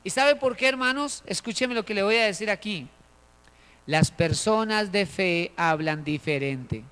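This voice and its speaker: A male pastor with a very high, bright, clear voice delivers a sermon at an unhurried pace. He speaks to the congregation as brothers and builds his points with rising emphasis, and his voice rings through a hall with a long reverb. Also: expressive. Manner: preaching with rising emphasis, addressing listeners as brothers.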